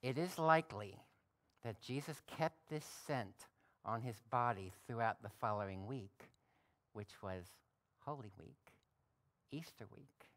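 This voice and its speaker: A man's voice: mid-range voice, unhurried. Man preaching a folksy sermon. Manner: folksy, conversational preaching with reading aloud. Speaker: pastor. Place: church.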